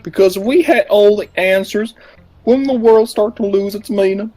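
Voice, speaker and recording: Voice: medium pitch, normal speed, warm tone, faint music behind, pitched above the performer's own voice, lightly acted. A player reading aloud the lines of a cheerful teenage girl club president from a visual novel. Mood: musing.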